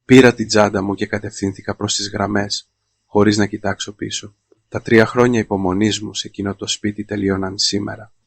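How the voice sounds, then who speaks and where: Monotone, gravelly male narrator. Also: lowish voice, no echo. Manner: flat, monotone reading. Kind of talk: scripted narration.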